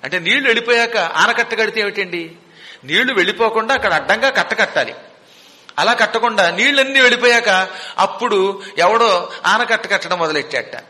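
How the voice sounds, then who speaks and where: Bright high-voiced man in an echoing hall. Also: animated, brisk. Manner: dramatic, rhetorical questions, chants verses. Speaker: religious discourse speaker. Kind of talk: storytelling religious discourse. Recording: long reverberant hall.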